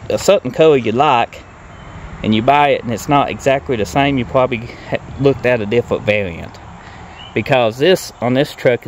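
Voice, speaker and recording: Slight background noise accompanies this medium-pitched male voice. A middle-aged car restoration vlogger, he casually shows his work hands-on in plain, folksy language, recording outdoors in a grassy gravel yard on a handheld phone at arm's length.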